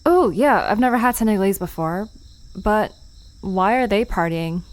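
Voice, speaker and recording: In this audio drama, an actress voices a curious, playful young woman who is inquisitive, teasing and a bit skeptical, delivering conversational lines with slightly acted flair. Her voice sits at a medium pitch with lively intonation and a moderate pace. Music and crickets can be heard behind her.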